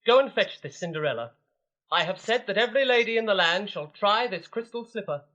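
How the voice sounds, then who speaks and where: A lordly young prince. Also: male voice, high voice, expressive, fairly quick, sharp tone, highs cut off. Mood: regal. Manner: formal, lordly.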